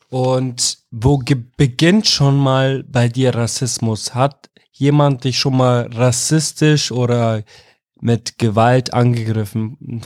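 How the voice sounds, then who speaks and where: In a clean studio recording with no room sound, a man from Iraq speaks in a mid-range, somewhat dark voice. He's casually interviewing young people and tends to rephrase each question several different ways.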